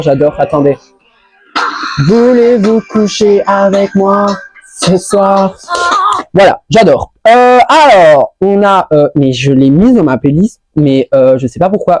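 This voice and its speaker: Woman vlogger, casual monthly roundup, warm tone, chatty and filler-heavy, faint music behind. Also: low-pitched. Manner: chatty and scattered, many fillers, drops English words. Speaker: lifestyle vlogger. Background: faint music playing.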